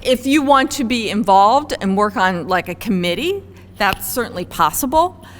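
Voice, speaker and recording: A woman's voice: mid-range voice, lively intonation, moderate pace, in a large hall. A woman organizing a meeting, explaining plans in a casual, reassuring way. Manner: casual, reassuring, loose phrasing. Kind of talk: meeting discussion.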